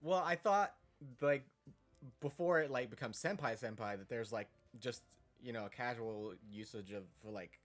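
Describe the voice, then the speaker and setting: A man's voice: medium pitch, normal speed, soft background music. A man reading a visual novel's text aloud and chatting casually, hesitant and laughing often. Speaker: first-time player reading the game aloud.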